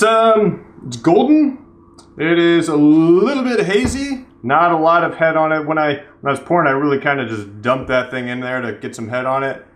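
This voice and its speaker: Male beer vlogger, slightly high-pitched, casual and joking delivery. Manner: joking, upbeat and chatty. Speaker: beer reviewer. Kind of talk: casual vlog review.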